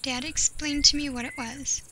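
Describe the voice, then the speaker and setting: With insects and birds clearly heard around her outdoors, a woman narrates a horror tale in the first person. Her fairly high voice keeps a fairly even intonation, and her delivery is measured and deliberate, broken by pauses.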